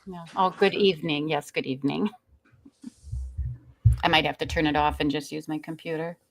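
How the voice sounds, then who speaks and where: This is a woman hosting a relaxed live stream. She chats easily, laughs a lot, and greets her viewers by name as they come in. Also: low voice, moderate pace, vocal fry, a little hiss or hum. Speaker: livestream host. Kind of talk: casual live-stream chat.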